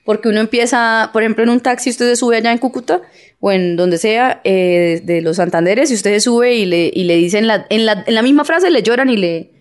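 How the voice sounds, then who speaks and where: A woman's voice: fairly high pitch, a little fast. Teasing Colombian woman co-host. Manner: teasing, laughs often. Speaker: podcast co-host. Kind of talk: casual chat. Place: podcast studio set.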